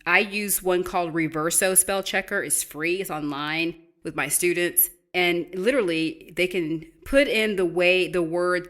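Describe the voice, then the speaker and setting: Bright-voiced woman teaching spelling. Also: lowish voice. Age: middle-aged. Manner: patient, encouraging, spells words out letter by letter. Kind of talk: instructional talk to parents.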